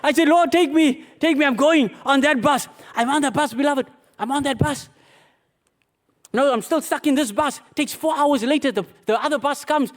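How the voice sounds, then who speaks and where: A man, a pastor, telling a personal testimony in a sermon, animated and self-mocking, calling his listeners beloved. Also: very high voice, normal speed.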